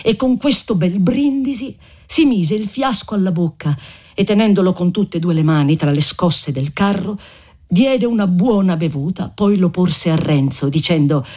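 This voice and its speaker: A man narrating a classic novel in measured, expressive literary audiobook style. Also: high voice. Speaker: audiobook reader.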